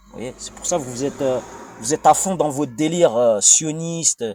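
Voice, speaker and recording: A Frenchman with a French accent speaks in a slightly high, somewhat mellow voice at a moderate pace, with a little hiss or hum in the recording. He's an adult vlogger and father of a young child, rambling informally in a blunt, crude, slangy style, digressing and repeating himself often.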